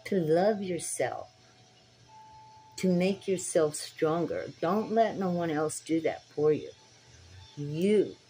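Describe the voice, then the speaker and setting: This older spiritual tarot vlogger speaks slowly in a low, dark voice, casually addressing her viewers head-on with an earnest, preacher-like manner. She's indoors in a small dim room, filmed on a phone camera at arm's length, and the poor audio carries slight background noise.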